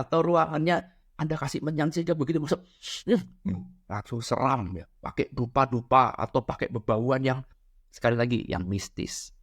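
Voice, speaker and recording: Lively male lecturer. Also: mid-range voice. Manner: lively, peppers talk with "ya" and "benar ya?". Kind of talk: casual spiritual lecture.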